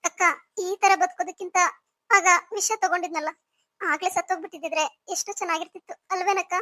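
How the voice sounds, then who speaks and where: A woman's voice: very high-pitched, steady tone, quick pace, a bit bright. A woman voicing Nisarga, a hurt young pregnant wife. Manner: reproachful, pleading. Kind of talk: cartoon story dubbing.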